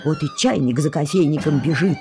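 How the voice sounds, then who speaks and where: A woman reading a children's verse tale aloud in an expressive, rhythmic, sing-song way. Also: deep voice, brisk. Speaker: storyteller. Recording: reading with clear background music.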